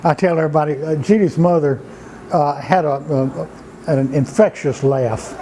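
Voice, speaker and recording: An older man tells folksy family stories at an easy pace. His voice sits a little high for a man, and he keeps stumbling over restarts and filler words. A faint background noise runs under the recording. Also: dark tone, low-quality recording. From Georgia, USA. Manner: unhurried, halting with many "uh"s and restarts. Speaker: storyteller and writer. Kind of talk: folksy anecdotal storytelling.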